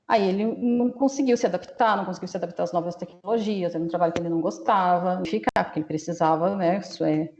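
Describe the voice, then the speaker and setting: A woman's voice: on the low side, fast talker, hardly any pauses, a little mellow, a little hiss or hum. A woman from Rio Grande do sul, a mental health blogger speaking as a guest on a live stream, explaining earnestly with many fillers and restarts. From Rio Grande do Sul, Brazil. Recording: echoey room, muffled live-stream audio.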